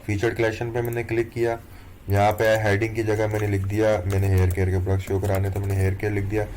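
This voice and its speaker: Young guy w/ doing a screen tutorial, low dark voice, keeps saying theek hai, bit of hiss. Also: quick pace. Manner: relaxed, step-by-step, keeps checking in with "theek hai". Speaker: course instructor. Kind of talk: screen-recorded tutorial walkthrough.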